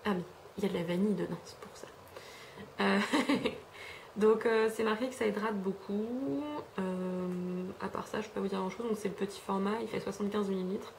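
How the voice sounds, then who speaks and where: A young French beauty vlogger goes through her haul fairly quickly in a steady, medium-pitched voice that's gravelly and a little mellow. The home camera-mic recording carries a little hiss or hum, and her casual, rambling chat is full of fillers and self-corrections.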